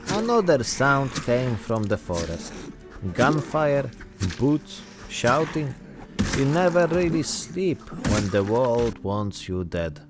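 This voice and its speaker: A man voicing a weary immigrant zombie-apocalypse survivor, telling his story in short, deadpan, reflective phrases. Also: mid-range voice. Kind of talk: narrated in-character role-play monologue.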